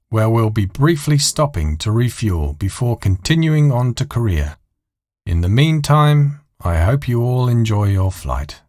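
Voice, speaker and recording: A man acts out an airline captain for an audio story. He is authoritative and clear, drawing his words out in a slow drawl, in a lower male voice with a close, dry sound. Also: a little mellow, dry recording.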